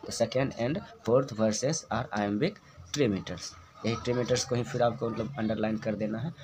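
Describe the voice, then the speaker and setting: A man's voice: on the low side, steady tone, a little slow, background noise. A male teacher explaining a lesson step by step, patiently repeating words aloud to show how they are pronounced.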